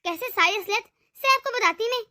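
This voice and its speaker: A voice actress plays a cunning young daughter-in-law in a family cartoon, using a very high, bright voice that's brisk and exaggerated. The character taunts and threatens her in-laws in a sharp, scheming manner.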